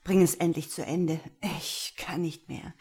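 A woman's voice: fairly low pitch, steady tone, a little slow, a little mellow, slightly rough. A woman voicing a bound man who pleads urgently and breathlessly in an erotic story. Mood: pleading.

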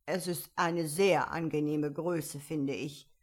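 A woman voicing a curt, contrary caterpillar in a storybook reading, speaking slowly and bluntly. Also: deep voice, steady tone. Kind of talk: audiobook character voice.

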